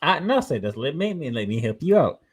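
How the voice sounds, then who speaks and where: An American man co-hosting a college football preview show, announcing matchups in an animated way. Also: a little high, normal speed, breathy edge. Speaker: sports show co-host.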